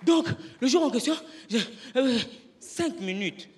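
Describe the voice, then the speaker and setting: A man's voice: very high-pitched, a little slow, slightly rough. A young man from Congo performing a stand-up comedy set, telling stories and acting out the voices of the people in them. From Congo (Brazzaville). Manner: animated storytelling, acting out voices of others. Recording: live stage with audience noise.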